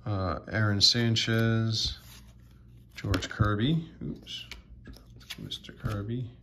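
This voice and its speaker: A man casually sorting through sports cards on video, slowly reading out player names with many fillers. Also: on the low side, fairly even intonation, sharp tone, a little hiss or hum. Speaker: sports card vlogger. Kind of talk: casual card sorting commentary.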